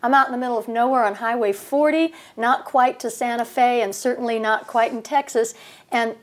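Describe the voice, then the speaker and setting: A woman co-hosting a talk show tells a story with lively energy, acting out the people she quotes. Her voice sits a little higher than most women's. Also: a little fast. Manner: animated, acts out quoted voices. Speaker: co-host. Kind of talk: casual storytelling chat.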